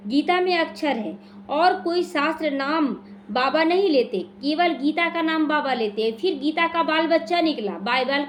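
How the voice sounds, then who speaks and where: An Indian woman with a high-sitting voice leads a devotional class in a small prayer hall, explaining the daily murli. She works through the scripture by asking and answering her own questions, and a little background noise can be heard.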